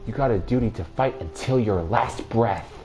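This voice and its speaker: A man voicing a gruff old grandmother. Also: on the low side, normal speed, darkish tone, lightly acted, poor audio. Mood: stern. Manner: coarse, rough-spoken and scolding. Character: fierce tiny old grandmother, gruff and blunt.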